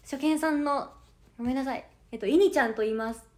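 A giggly young woman in her early twenties with a soft Kansai lilt chats on her livestream. Her voice sits high and bright with youthful energy, and she breaks into laughter between reading fans' comments aloud. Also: quick pace. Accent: Kansai Japanese. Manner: bubbly and giggly, with frequent laughter. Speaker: idol audition candidate livestreaming. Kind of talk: casual livestream chat reading viewer comments.

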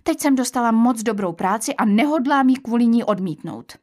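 A woman reading an audiobook, voicing a curt, hurried young aunt who brushes off questions. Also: fairly high pitch, animated, a little mellow, natural voice. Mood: curt, impatient. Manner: brusque, dismissive. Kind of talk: audiobook character voice.

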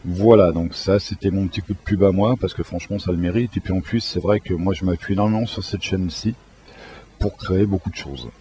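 A man walking through a software tutorial in a casual, hesitant way, with many fillers and restarts. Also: low voice, brisk. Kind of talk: casual screen-recorded tutorial.

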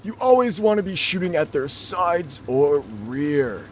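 During live-stream gameplay commentary, a man impersonates an excitable old tank gamer with a strained, high, put-on voice, loudly exclaiming and coaching his viewers. He takes an unhurried pace. A little hiss or hum sits in the background.

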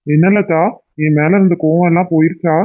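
A man's voice: on the high side, fairly even intonation, a little fast, lightly acted. A man voicing a young cartoon husband who pleads and makes up with his wife in an affectionate way. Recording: tinny phone-like sound.

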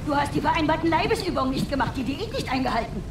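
A woman's voice: sing-song, measured pace, reverberant, heavily acted. A woman playing a cruel, domineering middle-aged female general in a video game, taunting and barking theatrically. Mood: mocking, barking. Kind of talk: German video game dub acting. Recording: distant, noisy, vehicle-like rumble.

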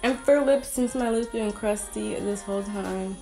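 A woman's voice: mid-range voice, normal speed, vocal fry, a little mellow, soft background music. A young woman chatting through a makeup tutorial at home, rambling and poking fun at herself. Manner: rambling, self-mocking, giggly asides. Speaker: beauty vlogger. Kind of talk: casual makeup tutorial chat.

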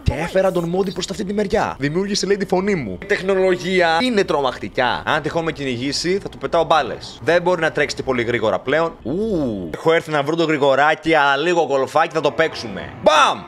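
A young man playing a horror video game, talking to the characters and joking, with sudden shouts when startled. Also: on the high side, few pauses. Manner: animated, jokey, talks to game characters, bursts into shouts. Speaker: gaming YouTuber. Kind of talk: let's play commentary.

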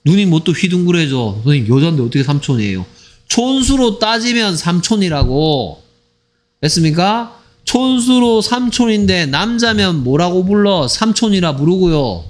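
A man teaching an English lesson for a school exam. He speaks Korean with a Korean accent, draws out English phrases slowly and keeps asking whether the class has followed. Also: high-pitched. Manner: repeats "됐습니까?" to check understanding; slow, drawn-out delivery of English phrases.

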